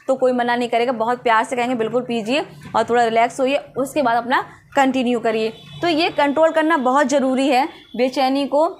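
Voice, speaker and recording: In a voice that sits high and sounds fairly bright, a young female vlogger casually coaches viewers on interview prep. Her tone is earnest, and she keeps checking in with "है ना?"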